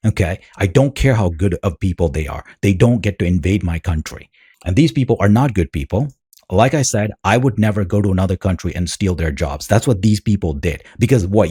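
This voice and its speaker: An American political commentator rants bluntly and combatively in a commentary vlog. His voice is on the low side, mellow and slightly rough, recorded at studio quality with no echo.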